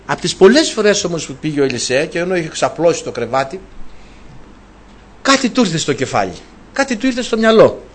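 A man's voice: a little high, very animated, a bit bright, husky. A man preaching a sermon, retelling a story animatedly and asking his listeners rhetorical questions.

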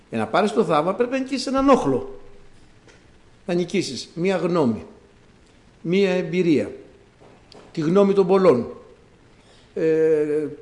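A man's voice: a little high, darkish tone, echoey room. A male preacher giving a sermon, telling stories dramatically and acting out the quotes. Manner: dramatic storytelling with acted-out quotes.

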